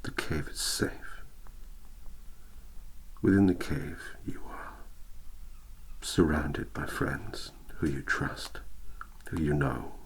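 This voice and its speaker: Man playing very deep, slow elf inquisitor, whispered role-play. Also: heavily acted, low-quality recording. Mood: hypnotic, soothing. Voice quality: soft-spoken, breathy half-whisper. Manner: slow, deliberate, hypnotic, coaxing elf interrogator. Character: cold, patient male elf inquisitor interrogating a human prisoner.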